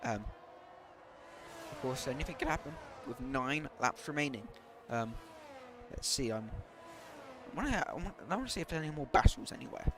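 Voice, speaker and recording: A man's voice: mid-range voice, sing-song, normal speed. Man, race commentator, hesitant with lots of ums, voice going, noisy background. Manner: hesitant, many fillers. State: losing his voice. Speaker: sim racing commentator.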